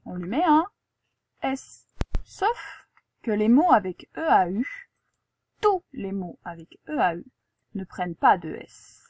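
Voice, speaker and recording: A woman's voice: medium pitch, sing-song, slow, pauses often, a little mellow, a little hiss or hum. A woman teacher giving a spelling lesson and dictation to a young pupil, articulating carefully, spelling out letters and asking the pupil patient questions.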